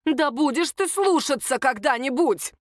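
A crafty, bossy older mother-in-law, read by a woman narrator in an audiobook, commanding and nosy. Her pitch leaps lively and high. The sound is dry and close. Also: normal speed, no echo. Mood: bossy eager. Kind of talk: audiobook character voice.

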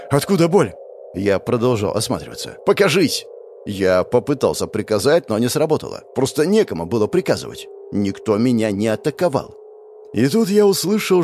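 A man narrating a first-person audiobook in a dramatic, expressive way. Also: medium pitch, a little hiss or hum.

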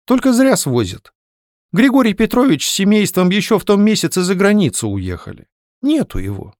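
A man's voice: high voice, very animated, normal speed, darkish tone, dry recording, clean studio sound, pitched above the performer's own voice. A man reading a novel aloud, voicing a kindly old village woman in a raised, homely, plain-spoken tone.

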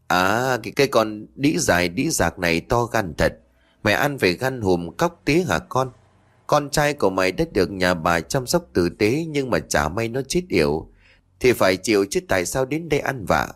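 A man voicing a cruel, abusive middle-aged rich woman who shouts insults at her servants. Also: fairly low pitch, very animated, moderate pace. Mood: furious.

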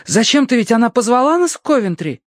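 A frightened young woman, as a male audiobook reader puts her on, pleads in a high, lively voice, breathless and imploring. The recording is dry and close. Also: fast, no room sound. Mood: desperate.

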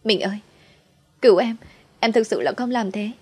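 A woman's voice: on the high side, moderate pace, darkish tone, husky, voice pushed up. A woman voicing a tearful young wife who pleads with her husband. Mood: pleading.

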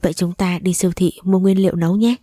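A woman reading the lines of a young mother, gentle but firm, in a storybook novel. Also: on the low side, fairly even intonation, quick pace, no echo, studio quality, close to an everyday voice.

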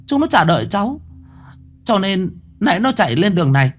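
A man's voice: very animated, a little fast. A man voicing a frightened village boy who stammers and calls out in panic. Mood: stammering. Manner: stammering, shrill calling.

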